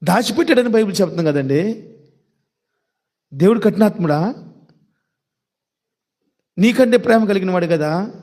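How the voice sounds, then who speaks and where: A man preaching a sermon who keeps asking rhetorical questions, repeats his lines and speaks fondly to his listeners, slowing down to stress key words. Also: high voice, expressive, darkish tone. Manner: addresses listeners directly and fondly.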